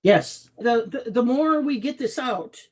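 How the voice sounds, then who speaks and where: A woman's voice: a little high, animated, a little slow, a little mellow, slightly rough. Effusive woman interviewer. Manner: effusive, encouraging, calls guest her hero. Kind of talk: casual interview talk.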